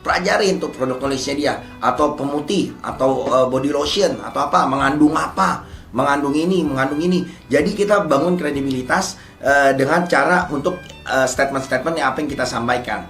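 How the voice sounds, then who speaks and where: A man's voice: medium pitch, fairly quick, roomy sound, soft background music. A man, an MC, giving slangy, casual public speaking tips. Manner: loose slangy teaching, bursts into loud showy MC announcer demos. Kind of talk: casual instructional talk.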